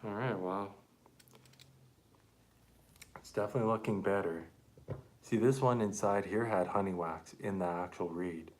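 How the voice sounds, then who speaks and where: A man live-streaming an accordion repair, chatting casually and haltingly to viewers while he works with his hands. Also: low-pitched, fairly even intonation.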